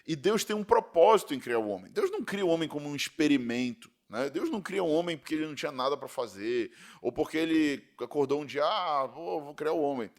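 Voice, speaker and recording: A Brazilian man, a pastor, giving a podcast sermon in a conversational style with frequent tag questions, slowing down to stress key words. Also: fairly high pitch, lively intonation, darkish tone. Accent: Brazilian Portuguese.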